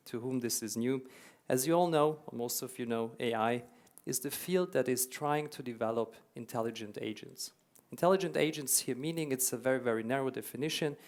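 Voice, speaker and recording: Born in Hungary and raised in Germany, a man with a German accent gives a conference keynote in a hall. His voice is medium-pitched and a little mellow, and he's earnest and explanatory, repeating words for emphasis.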